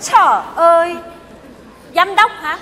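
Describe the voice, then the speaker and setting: An actress playing a sharp-tongued older mother-in-law, scolding her son-in-law in a live stage comedy. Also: very high voice, some chatter behind, exaggerated voice. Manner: scolding, indignant, quick retorts. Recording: live stage, hall reverb, audience noise.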